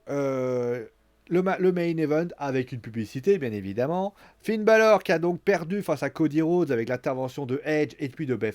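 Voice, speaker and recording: A young man giving casual spoken commentary on a wrestling show, recapping scenes and acting them out with quick exclamations. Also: medium pitch, a little mellow.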